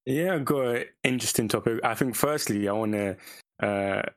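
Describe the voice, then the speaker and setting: Man, slightly low pitch, slangy, halting, casual podcast co-host, dry sound. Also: dry recording.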